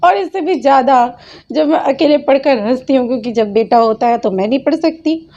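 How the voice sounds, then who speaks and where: A woman's voice: sits high, brisk, mellow, dull audio. A woman hosting her own channel, scolding and mocking people in reaction commentary and laughing often. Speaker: channel host.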